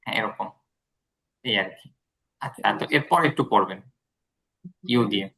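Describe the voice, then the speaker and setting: A man's voice: on the low side, normal speed, sharp tone. A man from Bangladesh tutoring English pronunciation, explaining patiently with many fillers.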